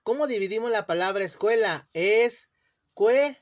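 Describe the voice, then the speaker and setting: A man teaching children a lesson, speaking slowly and carefully and stretching words out syllable by syllable. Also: sits high, lively intonation. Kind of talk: classroom lesson explanation. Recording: dull lo-fi sound.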